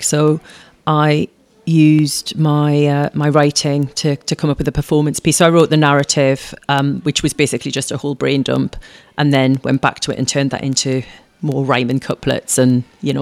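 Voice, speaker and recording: A woman performer appears as a guest in a conversational interview, chatting in a rambling way, often restarting sentences and adding tag questions. Her voice is deep, and there is no echo.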